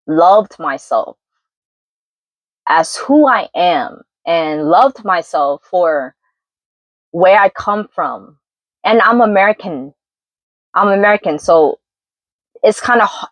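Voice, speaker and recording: A young woman from New York talking candidly into her vlog, earnest and reflective, pausing and correcting herself. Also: on the low side, no room sound, low-quality recording. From New York City, Brooklyn. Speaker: vlogger. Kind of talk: candid personal vlog monologue.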